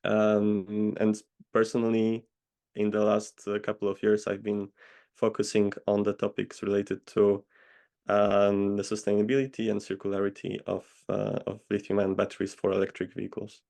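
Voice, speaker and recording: A man from Poland, answering interview questions in a measured, hesitant way over a video call. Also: lowish voice, completely flat delivery, gravelly, darkish tone. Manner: measured, hesitant with many pauses. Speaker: guest consultant.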